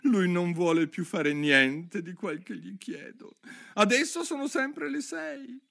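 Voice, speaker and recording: Male narrator as an indignant, excitable hatter: high, loud, bright, sing-song outbursts. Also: moderate pace. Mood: theatrical. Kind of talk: audiobook reading.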